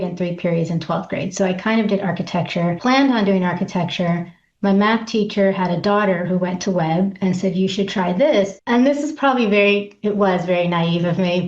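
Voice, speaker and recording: A woman's voice: medium pitch, roomy sound, lo-fi sound. Chatty middle-aged woman from New York. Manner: quick, chatty, laughs easily. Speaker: guest, patent consultant. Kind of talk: conversational interview.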